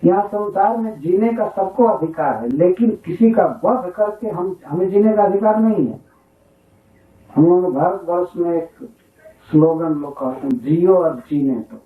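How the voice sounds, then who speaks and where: A man's voice: high-pitched, a little slow. A man giving a scripture talk as a spiritual teacher, telling stories from his own village, often chuckling and reciting Sanskrit verses. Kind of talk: sermon-style storytelling. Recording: echoey hall, distant phone-like lo-fi 1996 tape.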